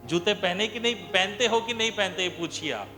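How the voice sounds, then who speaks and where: A pastor from India preaching a sermon in church, telling a story and putting questions to the congregation. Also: male voice, sits high, brisk, soft background music.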